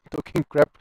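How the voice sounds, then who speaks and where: A South African man with an Afrikaans accent gives chatty live commentary on an amateur cricket match, drifting into rambling asides between balls. His voice has a darkish tone, and the poor-quality recording carries no room sound.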